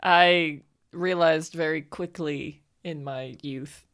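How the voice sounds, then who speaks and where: A young woman in her twenties chats casually on a podcast, her voice sitting a little low. She rambles through her stories, leaning on fillers as she goes. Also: steady tone, slow, fairly bright tone. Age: 20s. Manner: rambling, filler-heavy storytelling. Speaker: podcast co-host. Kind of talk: casual chat.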